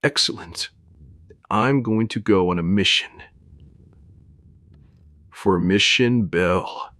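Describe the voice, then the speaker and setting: A man putting on a loud, deadpan impression of a gruff middle-aged male chemistry teacher, run through a voice conversion filter. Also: fairly low pitch, no echo, pitched below the performer's own voice. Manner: loud, bellowing, drawn-out deadpan delivery. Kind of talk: comedic impression for an animation bit.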